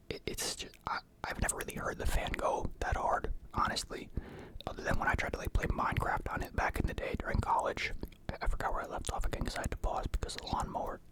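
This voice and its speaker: A young man whispering in a casual, halting, rambling ASMR style, close to the microphone. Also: low-quality recording. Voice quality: whispered, unvoiced. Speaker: ASMR mukbang creator. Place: indoor room at home.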